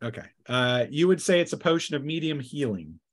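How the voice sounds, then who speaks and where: Running a tabletop role-playing game, this man narrates scenes and gives rulings in a casual way, sometimes haltingly. His voice sits on the high side with lively intonation.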